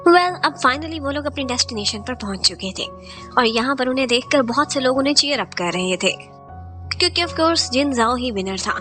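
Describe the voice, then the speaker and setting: A woman's voice: sits high, expressive, moderate pace, bright, forceful tone, faint music behind. A woman narrating a recap of a drama, retelling each scene in Hindi sprinkled with English words. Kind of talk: scripted storytelling recap.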